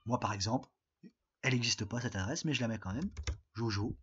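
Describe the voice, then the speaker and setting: With a fairly low, husky voice that is fairly bright in tone, this French man speaks fairly quickly. He's an English teacher recording a remote lesson, leading students patiently through every step with lots of fillers, and the sound is dull and lo-fi.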